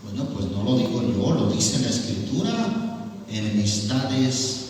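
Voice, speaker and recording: A male pastor with a Mexican Spanish accent preaching a sermon slowly and emphatically, with rising exhortations. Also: medium pitch, big pitch swings, a little mellow, slight background noise. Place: church hall. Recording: echoey church hall, voice from far off.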